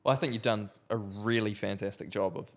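A man's voice: fairly low pitch, a little fast. A man hosting a podcast, who asks his guest follow-up questions in an appreciative way. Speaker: podcast host. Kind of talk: interviewing a guest.

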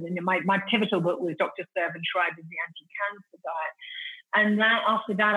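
A middle-aged woman, Italian-born but raised in the UK, answers interview questions as a guest and company founder. Her voice is lowish, fairly bright and husky, and the recording quality is poor. She explains things articulately, often saying "you know" and restarting her sentences.

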